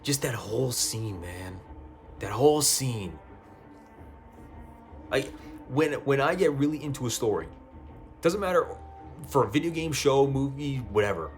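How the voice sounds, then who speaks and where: Male gaming YouTuber, casual and excitable, swears a lot, repeats himself, faint music underneath. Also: mid-range voice, a little slow, pauses often. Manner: excitable, swears freely, stumbles and repeats words. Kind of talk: casual game review monologue.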